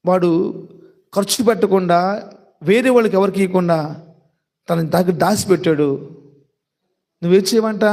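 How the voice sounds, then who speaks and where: High-voiced man preaching with rhetorical questions. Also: a little mellow. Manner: asks repeated rhetorical questions; addresses listeners directly and fondly. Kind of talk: sermon.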